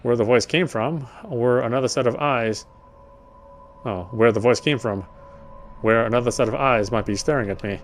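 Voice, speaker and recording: A gameplay streamer reads a visual novel aloud, narrating a horror story dramatically in a medium-pitched male voice at normal speed. He sometimes stumbles and rereads phrases, with game music playing behind him.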